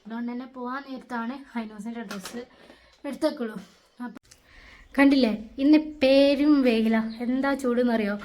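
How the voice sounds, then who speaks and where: A woman's voice: a little high, fairly even intonation, moderate pace, darkish tone. A young woman, chatting casually at home in a family vlog as she explains each step. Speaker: family vlogger, mother. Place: home, indoors.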